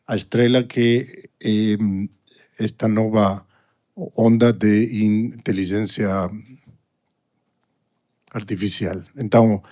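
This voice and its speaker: Slow-speaking man. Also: medium pitch, darkish tone. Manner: deliberate, broken into short phrases. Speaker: event speaker. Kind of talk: formal welcome remarks.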